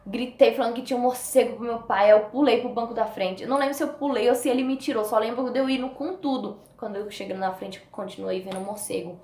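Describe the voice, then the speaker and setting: Brazilian woman vlogger, high and fast, animated testimony storytelling, roomy echo. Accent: Brazilian Portuguese. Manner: animated, acts out voices and screams from the story. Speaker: vlogger telling a personal testimony. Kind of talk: personal storytelling. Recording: echoey room with faint noise.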